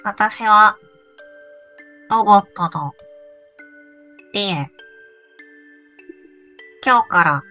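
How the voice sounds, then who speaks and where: A voice actress voicing an old-fashioned female caretaker robot, speaking in a pinched, nasal tone with a stiffly polite, evenly measured delivery. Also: medium pitch, sharp tone, soft background music, voice pushed up.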